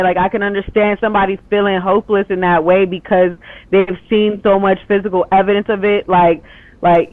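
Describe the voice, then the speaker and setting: A woman's voice: mid-range voice, dry recording. Rambling woman on a tinny phone-like line. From Ethiopia. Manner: rambling, heavy on "like" and "you know", swears casually. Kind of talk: casual conversation.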